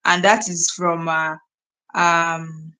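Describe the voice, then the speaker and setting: A young Nigerian woman with a Nigerian accent hosts a casual livestream, reading viewer comments and chatting with lots of fillers, restarts and repeated phrases. Her voice is lowish, flat and sharp, and she speaks very slowly.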